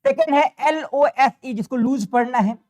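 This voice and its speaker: A man's voice: extremely high pitch, moderate pace, darkish tone. A man teaching English grammar in a classroom style, often asking a question and answering it himself. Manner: repetitive, asks and answers own questions. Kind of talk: classroom explanation.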